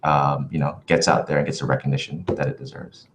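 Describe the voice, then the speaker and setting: A man with a very low voice hosts a casual livestream. He talks in a thoughtful, meandering way with frequent halts, over slightly noisy headset-style stream audio. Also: flat delivery. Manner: rambling, halting, thoughtful. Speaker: livestream host. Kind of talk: casual livestream chat answering viewer questions.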